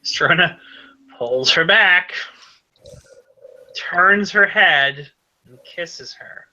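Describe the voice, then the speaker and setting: A woman's voice: on the low side, drawn-out words, pushed and bright, dull audio. A woman running a tabletop game as game master, narrating loosely with many hesitant "kinda"s.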